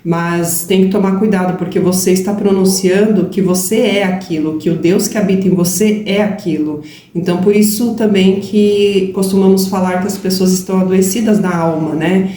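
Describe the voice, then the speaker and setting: Calm woman, warm low-key voice, explaining spiritual things, echoey room. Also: moderate pace, few pauses. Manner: calm, affirming explanations with "gente" and "né?". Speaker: spiritual channel co-host. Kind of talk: casual spiritual talk. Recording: roomy with faint background hiss.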